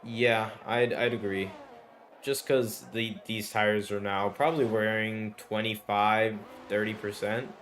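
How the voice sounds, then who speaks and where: A man's voice: fairly low pitch, steady tone, a little slow, a bit bright. A man giving live motorsport commentary on an online race, following the action in short running phrases. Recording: clearly noisy background.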